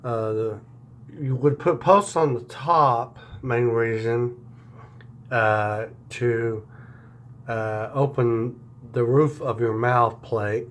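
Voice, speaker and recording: A man talking casually in an unscripted video diary, halting and searching for words, his speech affected by new dentures and a swollen mouth. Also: mid-range voice, fairly even intonation, fairly bright tone. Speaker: vlogger sharing dental recovery diary.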